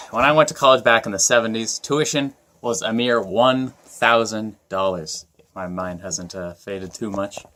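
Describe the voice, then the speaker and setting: A man's voice: on the low side, a little slow, bright, forceful tone, slight background noise. A man playing a blustering older male politician who gives a rambling, preachy speech with folksy asides in a comedy sketch. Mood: indignant.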